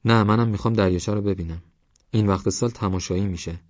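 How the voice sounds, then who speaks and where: A man's voice: lowish voice, fairly even intonation, a little mellow, no room sound, highs cut off, natural voice. A man voicing a caring, protective old village grandmother in an audiobook, talking in a fussing, cautioning way. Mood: tender.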